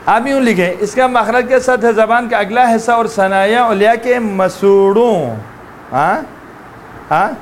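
A man's voice: high voice, a little hiss or hum. A man teaching Quran letter pronunciation in a classroom, drilling sounds aloud and coaxing students to repeat. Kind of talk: classroom tajweed lesson.

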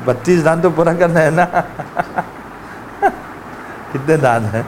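A man's voice: fairly high pitch, a little hiss or hum. A man teaching Quran letter pronunciation in a classroom, drilling sounds aloud and coaxing students to repeat. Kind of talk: classroom tajweed lesson.

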